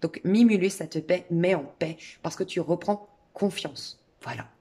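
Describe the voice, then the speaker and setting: A middle-aged woman giving a spoken tarot and crystal reading, talking calmly and directly to the listener with many fillers. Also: on the low side, measured pace, breathy edge. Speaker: tarot reader.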